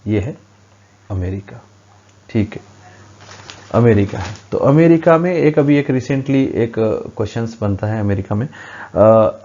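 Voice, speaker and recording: A man's voice: fairly low pitch, measured pace, pauses often, dark tone, highs cut off. Man teaching quiz answers at a board. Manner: explains at a board, frequent hesitations. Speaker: current affairs teacher. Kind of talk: exam-prep quiz lesson.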